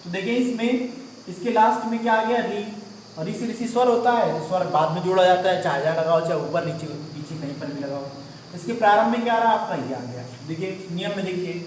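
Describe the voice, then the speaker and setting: A man's voice: high-pitched, slight background noise. A man teaching a grammar lesson to a class, asking questions and repeating the answers himself. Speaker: Hindi teacher. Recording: echoey room, mic far off.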